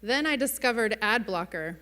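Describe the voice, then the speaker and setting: A woman giving a conference presentation as a keynote speaker, speaking slow, careful for foreign listeners. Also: fairly high pitch, animated, sharp tone. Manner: careful, slowly spoken English for foreign listeners. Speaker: keynote speaker, advertising strategist. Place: large conference hall. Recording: reverberant hall, amplified stage talk.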